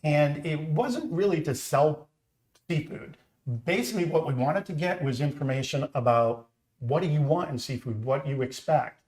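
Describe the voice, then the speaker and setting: A man's voice: on the high side, lively intonation, moderate pace, darkish tone. A middle-aged man with a Boston accent, a company founder hosting a live stream, telling his story in a chatty, earnest way. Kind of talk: casual live-stream chat. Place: home kitchen. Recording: echoey room.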